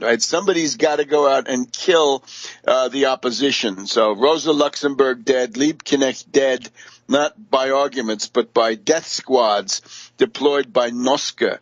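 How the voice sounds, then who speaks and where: A man's voice: mid-range voice, no room sound, lo-fi sound. A man from the United States hosting a radio show, giving a combative, sarcastic political commentary monologue. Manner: combative, sarcastic, mocks opponents.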